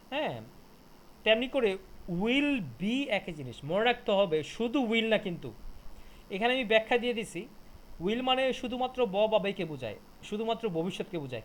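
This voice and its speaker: A man teaching an English grammar class, explaining step by step and repeating example sentences slowly with their translations. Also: sits high, poor audio. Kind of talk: online class lesson.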